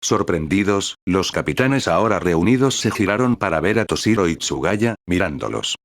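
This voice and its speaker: A man reading a fan-fiction story aloud as narrator in steady storytelling narration. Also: low-pitched, normal speed, no room sound, studio quality.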